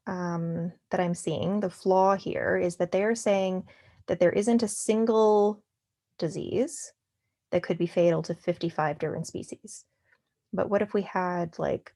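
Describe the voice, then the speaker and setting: A woman's voice: medium pitch, gravelly, darkish tone. A young woman tutoring through test logic questions, thinking aloud with many fillers and a dry, sarcastic aside now and then. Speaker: LSAT tutor.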